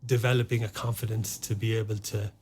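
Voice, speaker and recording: Fairly low and level in tone, slightly mellow with a breathy edge, this voice moves fairly quickly. It belongs to a podcast guest from Ireland, a former soldier in a casual interview, who hesitates often with fillers and restarts.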